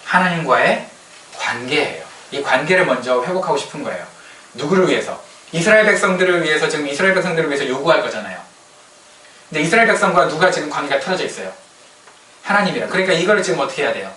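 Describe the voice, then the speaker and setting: A man preaching a sermon in an animated way, often asking the congregation questions. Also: a little high, quick pace. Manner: animated, asks the congregation questions and acts out quoted complaints. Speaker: pastor. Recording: echoey hall, voice from a distance, light room noise.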